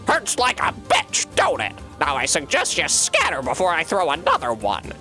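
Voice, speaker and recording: A man voicing a vulgar, fierce tiny old grandmother who talks gruffly and coarsely. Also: on the high side, wildly swooping pitch, moderate pace, bright, forceful tone, soft background music, pitched above the performer's own voice, full character voice. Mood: scornful.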